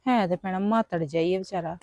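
A woman's voice: lowish voice, fast talker, darkish tone, no echo, close to an everyday voice. A woman in her late twenties playing a hesitant elder daughter who confides in a friend. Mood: confiding. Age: 20s. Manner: hesitant, pleading. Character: shy 29-year-old woman confiding a crush. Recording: dry, dull lo-fi sound.

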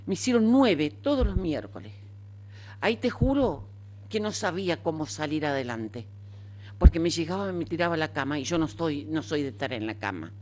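Chatty older Argentine woman, low voice. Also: normal speed. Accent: Argentine Spanish. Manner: chatty, frank, animated, lots of fillers. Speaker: interviewee, cancer survivor. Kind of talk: casual conversational storytelling.

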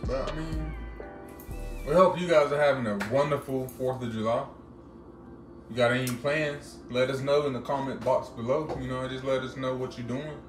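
A man's voice: medium pitch, fairly even intonation, normal speed. Joking young man in an echoey kitchen. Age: young adult. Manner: joking, teasing, laid-back slang. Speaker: vlog co-host. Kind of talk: casual cooking vlog chat. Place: home kitchen. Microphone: phone camera held at arm's length. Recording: echoey kitchen with music behind.

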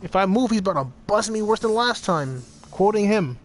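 A young man commentating a video game playthrough, excitable and profane, reacting loudly to the action. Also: high-pitched, brisk, slight background noise. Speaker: gaming channel host. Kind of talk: casual let's-play commentary.

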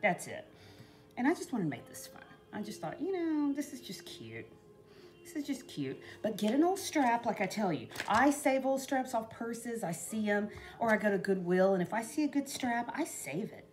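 Her voice sits a little high and very animated, moving at a normal pace over faint background music. This middle-aged craft vlogger chats loosely indoors at her home craft table, demonstrating a project and peppering her talk with "you know."

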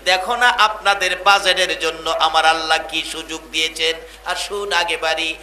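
A man preaching at a religious gathering, moving between loud drawn-out chanted lines and quiet storytelling, acting out the figures of his story himself. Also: a little high, fairly even intonation, roomy sound. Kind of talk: sung and shouted Bengali waz sermon. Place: outdoor religious gathering with a public address system.

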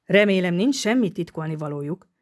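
A woman's voice: fairly low pitch, expressive, a little mellow. A woman reading an audiobook, voicing a stern middle-aged male police inspector who asks tense, probing questions.

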